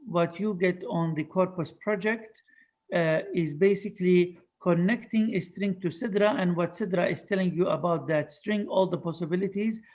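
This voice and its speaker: A man moderating an online Q&A session and explaining technical details in a measured way, speaking over a video call. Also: high voice, a little mellow. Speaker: moderator and project lead.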